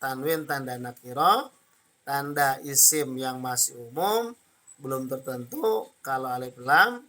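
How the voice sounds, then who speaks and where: Bright-voiced Indonesian man teaching Arabic. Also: a little high. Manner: patient, explains step by step with frequent "ya". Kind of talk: online Arabic grammar class.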